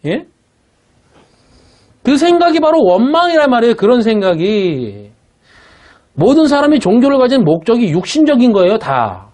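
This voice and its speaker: A man's voice: very high-pitched, wildly swooping pitch, normal speed, long pauses, a little mellow. A man preaching a sermon as pastor, emphatic and blunt, often asking the congregation "예?" to check they follow. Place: church worship room.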